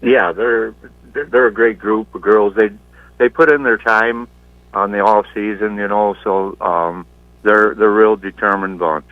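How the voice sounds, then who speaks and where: A man, a high school basketball coach, talking in a halting, plain-spoken way during a phone interview. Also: steady tone, no room sound. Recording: tinny dry phone line.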